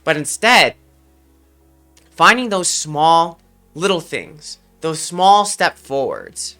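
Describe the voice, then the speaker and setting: A man's voice: a little high, expressive, slow, sharp tone, faint music behind. A man streaming live as an esports mental coach, earnest and explanatory, with a slightly sick voice as he talks to his chat. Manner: earnest, explanatory, repeats phrases for emphasis. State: under the weather, slightly sick voice. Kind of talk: livestream talk to chat.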